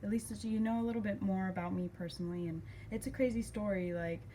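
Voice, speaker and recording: Warm and mid-range, this young woman's voice moves at a quick pace as she recounts something from her own life. She's emotive and casual, performing the conversations she remembers. The recording carries clear background noise.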